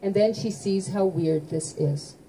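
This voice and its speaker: A woman author giving a lively, expressive reading from her own novel at a bookshop event. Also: mid-range voice, a little slow, slight background noise, low-quality recording. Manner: lively, sings out musical notes.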